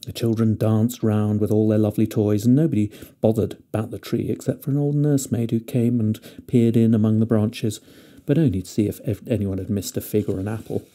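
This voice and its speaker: A man narrating a fairy tale with gentle, expressive storytelling. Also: on the low side, a little fast.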